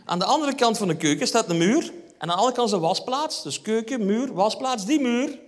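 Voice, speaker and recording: A man's voice: high voice, expressive, brisk. A man with a Flemish accent performing a stand-up routine on stage. He tells a wry story and talks straight to the audience. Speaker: stand-up comedian. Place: theatre hall on stage. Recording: reverberant live hall.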